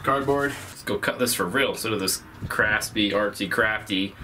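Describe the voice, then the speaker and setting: Crammed into a small sailboat cabin with the camera right up near his face, a fortysomething man chats through restoring his boat in a casual how-to vlog. His fairly low voice is pushed and bright at a moderate pace, laid-back and self-deprecating with lots of ums, over slight background noise.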